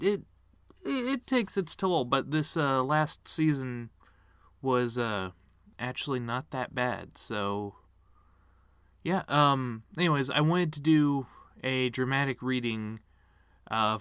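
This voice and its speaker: A man's voice: mid-range voice, fairly bright tone, clear, resonant tone, no echo. Chatty male video host. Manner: chatty and self-conscious, with halting restarts. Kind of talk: casual video intro.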